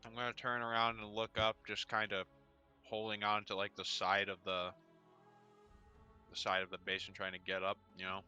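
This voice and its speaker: Bright, smooth-voiced swearing player. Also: male voice, lowish voice, completely flat delivery, normal speed, muffled recording, faint music behind. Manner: swearing, loose and joking, describing his actions. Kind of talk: casual tabletop play.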